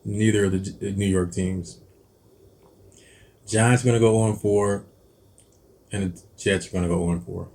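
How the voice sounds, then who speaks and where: Rambling low-voiced man making football picks. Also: steady tone, normal speed, long pauses, mellow. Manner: rambling, hesitant, many ums and self-corrections. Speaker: cooking channel host. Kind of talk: casual football picks chat while eating.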